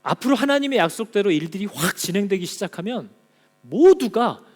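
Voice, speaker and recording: A male pastor preaching a Sunday sermon in a church, acting out God's words in lively direct speech. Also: high-pitched, a little fast, long reverb tail. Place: church in Auckland.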